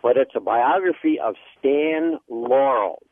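A man's voice: mid-range voice, a little slow, a little hiss or hum. A man calling in to a radio show over a phone line, chatting in an easygoing way. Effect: call-in voice heard over a phone line. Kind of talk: casual call-in chat.

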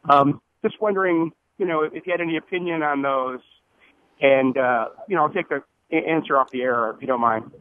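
Radio show caller, middle-aged man on a car phone, tinny line, hesitant and halting. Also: on the high side. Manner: hesitant, halting with many fillers. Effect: phone call on a radio show. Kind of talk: casual call-in question. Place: in his car. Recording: tinny phone line, faint road noise.

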